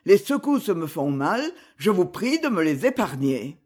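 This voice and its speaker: A man reading an old novel aloud, voicing an ailing aristocratic marquis who speaks slowly and formally. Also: sits high, big pitch swings, a little mellow, heavily acted. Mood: cold, weary. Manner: slow, grave and formal. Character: frail, dignified aging aristocratic marquis.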